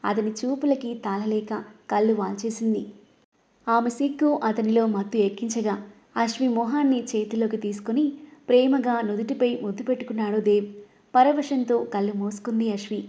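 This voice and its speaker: A woman storyteller reads a romantic family drama aloud in a smooth, measured way. Her voice sits fairly high, with a dark, mellow tone. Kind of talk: scripted story narration.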